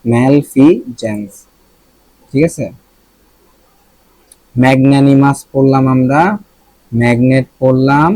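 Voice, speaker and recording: A man's voice: medium pitch, warm tone, no room sound, low-quality recording. A young man with a Bangladeshi accent teaching vocabulary in a casual lesson, thinking aloud and repeating words to check his pronunciation.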